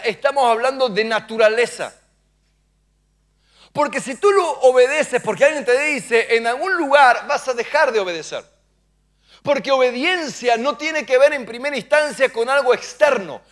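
A man preaches to his congregation in a strikingly high-pitched voice. He asks the crowd to repeat after him and stand up. He acts out short dialogues as he tells his stories. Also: normal speed, fairly bright tone. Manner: preaching with call-and-response to the congregation. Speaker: pastor. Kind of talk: sermon. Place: church sanctuary.

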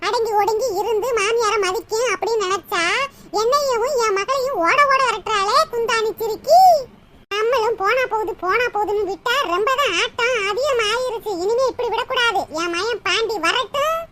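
A squeaky spiteful mother-in-law. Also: normal speed. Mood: spiteful grumbling. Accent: southern Tamil, Tirunelveli. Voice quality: squeaky sped-up high voice. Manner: grumbling, scornful muttering. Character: scheming village mother-in-law, older woman, spiteful. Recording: loud background noise.

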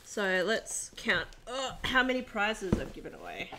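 A woman hosts a casual giveaway draw, chatting and laughing as she reads out each winner. She talks at an unhurried pace. Paper crinkles loudly around her in a noisy room. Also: medium pitch, very animated. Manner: chatty, laughs often, reads names aloud slowly. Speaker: host drawing giveaway winners. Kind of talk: casual chat.

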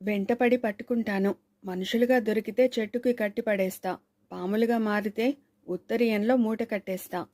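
Woman reads easygoing fearless young villager, blunt, mellow voice, close dry sound. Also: medium pitch, fairly even intonation, moderate pace, dry recording, natural voice. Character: carefree sleepy young village man, fearless.

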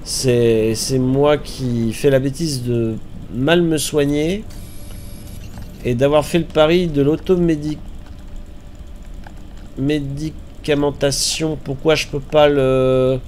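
A man's voice: mid-range voice, slow pace, a little hiss or hum. A man with a slightly stuffy nose, chatting casually and thinking aloud as he streams a video game. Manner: relaxed, chatty, thinks aloud and repeats words. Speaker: streamer playing a survival game. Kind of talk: casual live-stream commentary.

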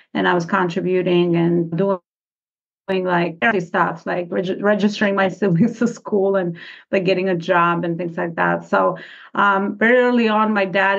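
A woman's voice: mid-range voice, vocal fry, muffled recording. A middle-aged woman from Albania, a business coach, telling her story as a podcast guest in a reflective, rambling way. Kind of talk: podcast interview.

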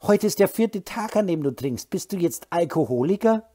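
A man voicing a worried young woman in an audiobook, raising his husky voice and pressing hard. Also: a little high, sing-song, moderate pace, mellow, pitched above the performer's own voice. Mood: angry. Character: worried young woman defending her drinking partner. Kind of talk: audiobook character voice.

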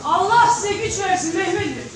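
A woman playing an anxious, devoted village wife in a stage drama, speaking insistently and pleadingly. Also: normal speed. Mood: sorrowful. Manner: high, insistent, pleading questions. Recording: echoey noisy hall from far off.

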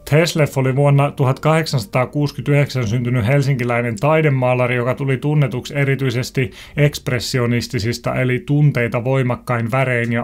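A young man narrates an informative video in a calm, clear, scripted way. His pitch sits in a normal middle range, and he speaks directly to his viewers as the channel's host.

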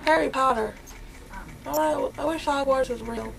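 Young woman, loopy after wisdom teeth surgery, high creaky voice, numb-mouthed childlike rambling. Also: unhurried, fairly bright tone. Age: young adult. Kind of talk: casual chat. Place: small dental clinic recovery area, indoors. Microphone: handheld camera at close range.

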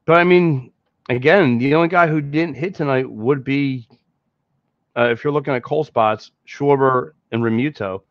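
A Philadelphia-accented man in his thirties hosts a casual postgame sports podcast, rambling with lots of repeats and restarts. His voice is medium-pitched at a normal pace. He wears a headset mic in a small indoor room before a green screen, and the sound is dull, lo-fi and dry with no room sound.

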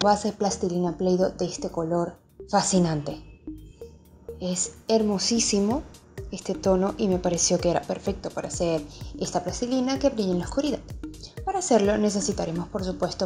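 Mellow-voiced woman hosting a children's craft tutorial. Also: mid-range voice. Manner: friendly, addresses young viewers directly. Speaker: host of a children's toy and craft channel. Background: music behind the voice.

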